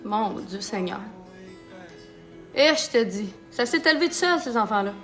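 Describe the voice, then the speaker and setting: A middle-aged woman with a Québécois French accent, a makeup artist and business owner, chats and jokes while applying her makeup during a live-stream tutorial. Her voice is a little high, expressive and fairly bright, at normal speed, with soft music in the background.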